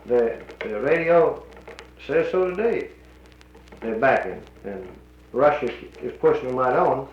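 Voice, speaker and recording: A man's voice: mid-range voice, expressive, unhurried. Man on an old 1941 recording. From North Carolina. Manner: plainspoken and firm, cites the radio news. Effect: old 1941 archival recording. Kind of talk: casual conversation about the war. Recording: muffled, roomy old recording with faint hiss.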